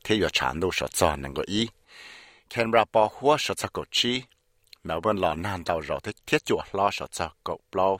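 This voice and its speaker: A man with a strikingly deep, low voice reads the news in a steady, measured manner. The recording is dry and close, with no room sound around him. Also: dry recording. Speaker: news narrator. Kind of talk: scripted news narration.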